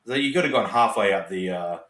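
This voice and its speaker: A man with a fairly low voice gives casual podcast opinions, reflective and a little hesitant. The sound is noticeably roomy and echoey. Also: lively intonation, fast talker, a bit bright. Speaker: wrestling podcast co-host. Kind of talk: casual chat.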